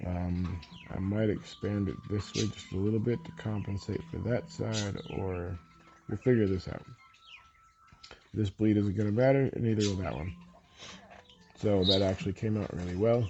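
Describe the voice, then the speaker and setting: A miniature painting channel host with a stuffy, congested voice chats casually as he paints a model, explaining each step in a relaxed, rambling way full of ums. His voice is on the low side at a moderate pace. The highs are cut off, and there's background noise.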